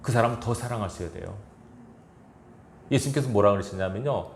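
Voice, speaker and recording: A man's voice: on the low side, brisk, vocal fry, echoey room, slight background noise. A man preaching a sermon as pastor of a church, earnest and exhorting, with chuckles and quoted asides. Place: church sanctuary.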